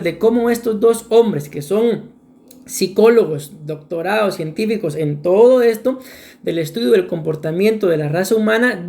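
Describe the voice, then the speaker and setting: A woman's voice: medium pitch, darkish tone. A woman preaching a sermon in a church, earnest and repetitive, often turning to address her congregation directly. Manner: earnest, repetitive, often calls listeners "my beloved brethren".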